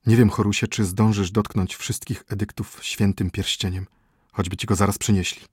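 A sorrowful elderly court physician murmurs his grim verdicts, as a man reads him. The voice is low and husky, close and dry, as in an audiobook. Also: little pitch movement, normal speed, no room sound. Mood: grave. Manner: hushed, half-whispered. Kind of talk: audiobook character voice.

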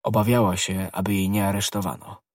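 A man's voice: low voice, level tone, fairly quick, no echo, studio quality, lightly acted. A man reading as D'Artagnan, a bold young guardsman. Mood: brisk. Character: bold young male guardsman, brisk and knowing.

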